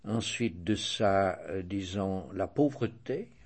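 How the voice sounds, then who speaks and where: An older man with a low voice and a Swiss French accent responds to interview questions. He speaks in a careful, hesitant manner, often going back to restart or correct himself.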